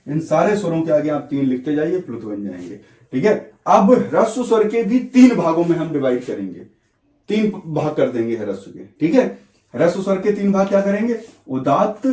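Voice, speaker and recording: A man's voice: on the high side, a little mellow, reverberant. A man teaching a Sanskrit grammar lesson, explaining patiently and checking in often with his students. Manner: patient, repetitive, checks in with frequent "theek hai". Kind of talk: classroom lesson explaining at a board.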